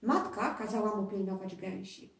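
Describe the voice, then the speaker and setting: A friendly, proud old castle ghost who speaks calmly with a hint of mystery, as a woman reading a storybook puts him on. Her own mid-pitched voice carries, with roomy echo and a mic set some way off. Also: normal speed, gravelly, far from the mic, close to an everyday voice.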